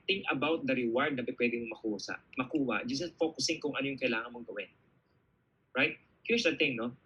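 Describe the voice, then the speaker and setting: A Filipino man speaks with real force and brightness as he works through a motivational Q&A answer. His tone has a slightly husky edge, and he keeps breaking his story up with quick check-ins to the audience. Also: mid-range voice, low-quality recording. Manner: energetic, animated storytelling, frequent "okay?" check-ins. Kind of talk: motivational Q&A talk.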